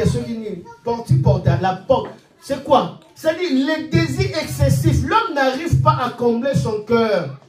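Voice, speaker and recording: A man in his forties preaching a sermon as pastor, animated and peppered with alleluias and amens. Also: very high-pitched. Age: 40s. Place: church hall. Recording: echoey room, mic at a distance.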